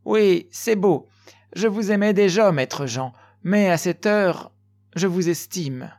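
Man playing an excitable middle-aged man, raised voice, slow emphatic delivery. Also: a little high, voice pushed up.

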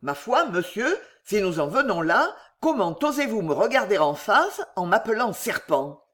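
Woman voicing a startled, protesting gentleman. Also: mid-range voice, big pitch swings, normal speed. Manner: protesting, heated questions. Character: startled, offended gentleman guest. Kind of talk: audiobook character voice.

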